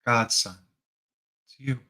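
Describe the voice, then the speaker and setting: Speaking slowly, a male teacher guides a spiritual meditation, gently prompting the listener with reflective questions.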